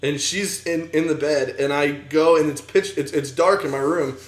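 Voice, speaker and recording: A man's voice: a little high, steady tone, normal speed, echoey room. A young man co-hosting a podcast, telling a story in casual chat, rambling with restarts and laughing as he goes. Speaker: podcast co-host.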